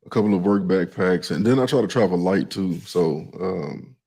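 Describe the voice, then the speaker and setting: A young man with a Southern drawl and a very deep, gravelly voice. He talks in a loose, laid-back way, often checking that he is understood. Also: moderate pace, warm tone. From Texas. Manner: laid-back, loose, keeps saying "you know what I mean". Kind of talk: casual chat.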